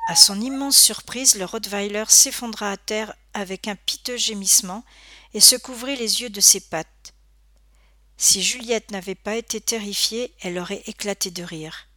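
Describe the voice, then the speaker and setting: A woman narrating a children's adventure story aloud, with expressive storytelling that rises for suspense. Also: mid-range voice, no room sound. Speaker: audiobook narrator.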